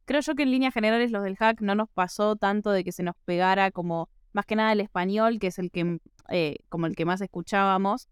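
A woman's voice: medium pitch, a little fast, clean tone, dry recording, studio quality. A young Argentine woman with an Argentine accent hosting a podcast, chatty and self-mocking, with frequent "eh" fillers. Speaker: podcast host. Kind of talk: casual podcast conversation.

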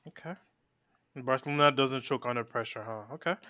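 A man's voice: mid-range voice, brisk, pushed and bright, a little hiss or hum. A man hosting and moderating a casual sports chat among friends. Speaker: podcast host and moderator.

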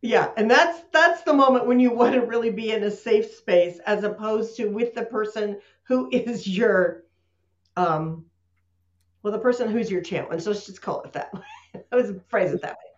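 A woman's voice: medium pitch, moderate pace. Female host, casual and talkative, video-call sound in an echoey room. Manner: chatty, laughs often, restarts mid-sentence. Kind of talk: casual talk, live online session. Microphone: computer mic on a video call. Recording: roomy, dull video-call audio.

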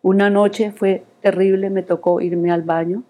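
A woman's voice: medium pitch, level tone, unhurried, mellow. An older woman giving an earnest, emotional testimony of faith in an interview.

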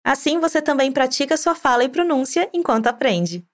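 A woman with a high voice hosts a scripted language podcast. She explains patiently and warmly prompts the listener to repeat each phrase. Her delivery is clear and steady. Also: brisk. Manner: clear, encouraging, drilling repetition. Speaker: language teacher host.

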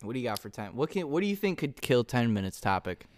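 A man's voice: mid-range voice, sing-song, fast, darkish tone. A young man co-hosting a podcast, joking crudely in casual chat. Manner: joking, crude, talks over his co-host. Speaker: podcast co-host.

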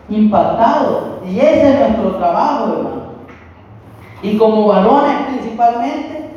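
A man preaching a sermon slowly and haltingly, often calling the listeners "hermano". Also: extremely high pitch, a little mellow. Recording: distant, echoey hall, muffled.

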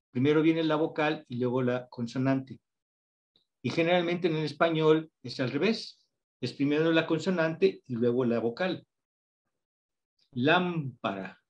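A man with a Mexican accent, explaining things patiently as an interview guest, spelling out examples slowly in a teacherly way. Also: on the high side. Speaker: guest researcher on reading instruction.

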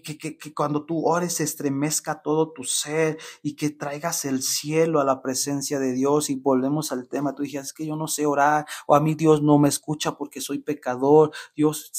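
Husky guy preaching a devotional, passionate, keeps asking "right?". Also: mid-range voice, darkish tone. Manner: passionate, repeats "¿verdad?" often. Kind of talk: devotional teaching.

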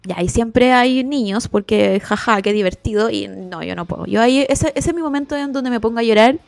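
A woman's voice: a little high, a little fast, creaky, no room sound, faint music behind. A young woman with a Chilean accent, chatting casually as a podcast co-host, telling rambling stories with lots of laughing. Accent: Chilean Spanish. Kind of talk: casual chat.

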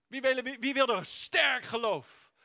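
High, bright-voiced male preacher. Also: moderate pace, vocal fry. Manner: emphatic, mixes in English words, rises to near shouting. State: sore throat. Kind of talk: sermon. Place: church.

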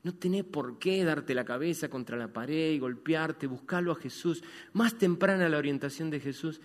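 A man with a Rioplatense accent preaching a sermon as pastor, swinging between loud and hushed. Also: a little high, normal speed, in a large hall. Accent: Rioplatense Spanish.

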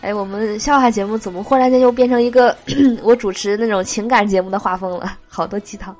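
A woman's voice: mid-range voice, fairly even intonation, a little fast, darkish tone. A woman hosting a joke show, reading jokes aloud with a nasal voice from a cold and laughing at her own punchlines.

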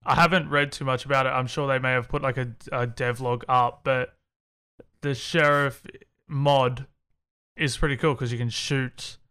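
A man laughs his way through a casual gaming chat, hesitating and filling pauses as he talks. His voice is bright and clean, with a crisp edge. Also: medium pitch, steady tone. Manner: laughs often, hesitant, full of fillers. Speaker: podcast co-host.

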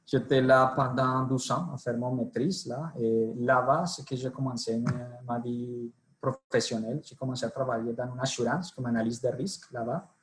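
A man's voice: mid-range voice, steady tone, normal speed, few pauses. A man in his forties from Colombia, speaking French with a Colombian Spanish accent as a podcast guest, hesitant and full of restarts. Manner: hesitant, frequent fillers and restarts in second language. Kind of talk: casual interview storytelling.

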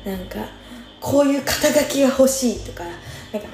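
This young woman, in her twenties, has a high voice and keeps a moderate pace. She tells a personal story in a chatty, informal way, laughing a lot as she goes, recorded in an echoey room with faint music.

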